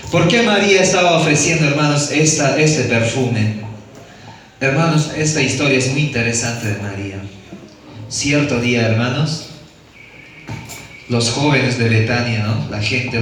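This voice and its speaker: A man's voice: mid-range voice, a bit bright. A man preaches a sermon, retelling a Bible story and checking in with his listeners as he goes. He sounds set back from the mic in a hollow, strongly echoing room, with a faint hiss underneath. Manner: storytelling, frequent "¿no?" and "hermanos". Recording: echoey room from far off.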